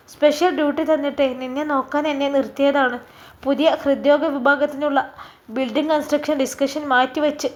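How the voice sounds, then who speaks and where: A woman doing a bright, bustling nurse. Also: high voice, lightly acted. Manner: brisk, coaxing, animated. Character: nurse, caring and talkative woman.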